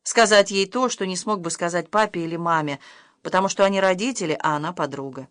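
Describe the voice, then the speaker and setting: A woman narrating a novel in a measured, even storytelling manner. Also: fairly low pitch, no echo, studio quality. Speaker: audiobook narrator.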